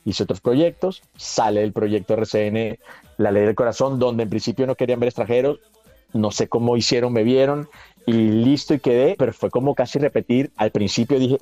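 A middle-aged man from Venezuela whose accent leans toward a neutral Colombian sound. His voice is dark and mellow, and he tells stories in an animated way, full of repeats and restarts. The recording is dry and a little dull, with soft music underneath. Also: mid-range voice, no echo. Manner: animated storytelling, many repeats and restarts, laughs often. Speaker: actor, interview guest. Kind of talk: casual interview talk.

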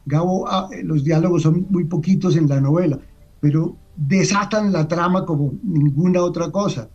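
A man with a high-pitched voice who talks emphatically on a radio panel, tossing out rhetorical questions. The sound is slightly muffled and dull. He keeps checking in with his listeners as he makes his point. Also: normal speed, darkish tone, breathy edge. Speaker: panel guest.

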